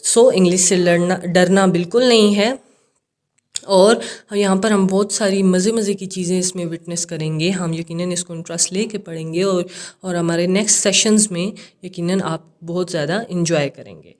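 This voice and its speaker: A woman's voice: fairly low pitch, fairly even intonation, a little mellow. Woman, Pakistani accent, young adult, English teacher, exam walkthrough, frequent check-ins. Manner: mixes English terms into Urdu, frequent "theek hai" check-ins. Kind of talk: explaining exam paper to students.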